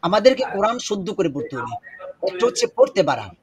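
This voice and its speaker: A man teaching Quran pronunciation in an online class over a video call, explaining slowly and repeating words to drill them. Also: high-pitched, sing-song, a crowd in the background.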